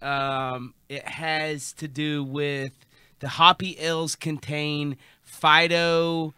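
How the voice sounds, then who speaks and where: Man, Texan accent, matter-of-fact, casual beer chat, very bright voice, dry sound. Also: a little high, fairly even intonation, slow pace, clear, resonant tone, no echo. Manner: matter-of-fact, reads out facts.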